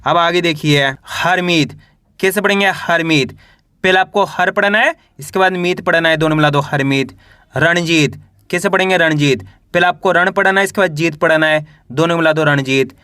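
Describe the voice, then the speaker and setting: Male reading teacher, high bright voice, slow syllable-by-syllable delivery, close dry mic. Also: clear, resonant tone, no echo. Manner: spells each syllable slowly, then says the whole word; addresses viewers as friends.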